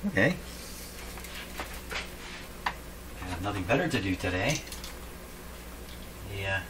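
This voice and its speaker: A radio repair hobbyist and video host with a low-pitched, very animated voice takes it slowly as he gives casual commentary on a hands-on repair. He muses aloud and asks himself questions while working. Noise from the workshop is clearly audible.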